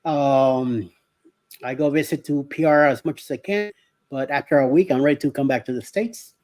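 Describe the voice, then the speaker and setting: A man's voice: medium pitch, normal speed, darkish tone. A middle-aged man from Miami hosting a casual live stream, rambling with lots of hesitations and greeting viewers by name. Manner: rambling, hesitant with many fillers.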